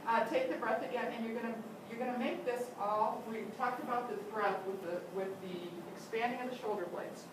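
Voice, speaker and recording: A woman's voice: a little high, steady tone, brisk, hardly any pauses. An older woman teaching a flute master class, giving encouraging instructions and frequent praise. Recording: echoey room, distant mic, loud noise.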